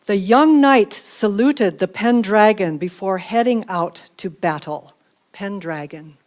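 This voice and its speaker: A woman acting as spelling bee pronouncer, reading out words and definitions in a measured, clearly enunciated way. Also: mid-range voice, darkish tone.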